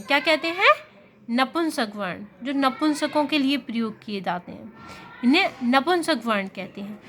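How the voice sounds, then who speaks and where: A woman teaching Hindi grammar for exams, asking questions and answering them herself, and sounding out vowels slowly. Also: high voice, a bit bright, slight background noise. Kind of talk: exam-prep lesson.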